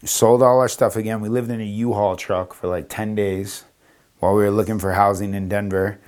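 A man's voice: lowish voice, a little fast. A man from Florida, a pastor, telling his story casually on a podcast and acting out the dialogue. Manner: animated, acts out quoted dialogue in a raised voice.

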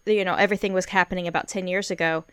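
A woman's voice: lowish voice, steady tone, very fast, fairly bright tone, clean tone, dry recording, clean studio sound. A woman co-hosting a podcast in casual chat, talking freely, laughing often and swearing. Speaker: podcast co-host.

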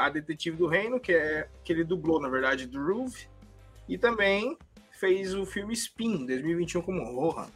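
A man's voice: a little high, a bit bright. A Brazilian man hosting a podcast in a casual chat, moving the topics along with joking, ironic asides. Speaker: podcast host.

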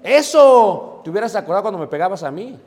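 A shrill scolding grandmother, as a preacher puts her on. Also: very animated, fast, darkish tone. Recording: long hall reverb.

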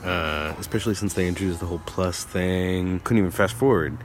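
A man's voice: low-pitched, a little fast, soft background music. A man chatting casually as a podcast co-host, wry and self-mocking. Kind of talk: casual video-message chat.

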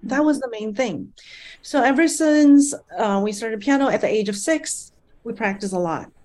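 A middle-aged woman from Malaysia, a guest talking about her nonprofit in a relaxed interview, pausing on fillers and laughing lightly as she goes. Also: a little high. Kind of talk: conversational interview.

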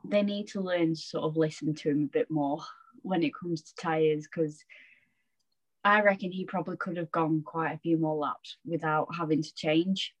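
A woman's voice: low voice, steady tone, moderate pace, rough recording. A woman co-hosting a casual podcast, agreeable and easygoing in her talk. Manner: easygoing, agreeable, uses fillers like "I reckon". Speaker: podcast co-host. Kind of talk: casual chat.

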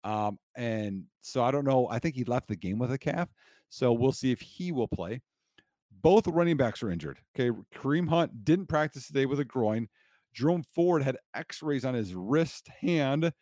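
Man, sports podcast co-host, rapid-fire injury rundown, breathless, mid-range voice, dry close recording. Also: medium pitch, expressive, warm tone, no room sound. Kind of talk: casual sports podcast chat.

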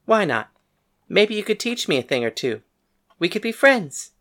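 A woman's voice: medium pitch, very animated, moderate pace, a bit bright, voice pushed up. Woman voicing a blunt young gunslinger woman. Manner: blunt, matter-of-fact. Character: bold young gunslinging woman, cook, frank. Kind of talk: audiobook character voice.

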